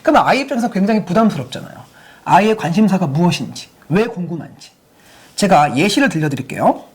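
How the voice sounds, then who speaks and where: Husky woman giving a lecture to parents, lots of questions to the crowd, voice all over the place. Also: lowish voice, fast talker. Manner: lively, many rhetorical questions to the audience. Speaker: sex education instructor.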